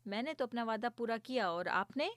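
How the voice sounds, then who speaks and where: A woman's voice: fairly high pitch, expressive, no echo, studio quality. Woman reading as a patient mother explaining. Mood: teasing. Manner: gentle, explanatory.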